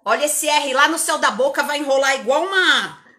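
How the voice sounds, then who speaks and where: A woman English teacher with an interior São Paulo accent, giving an energetic live online lesson and drilling words over and over. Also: high-pitched, fairly quick, echoey room. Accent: interior São Paulo Portuguese.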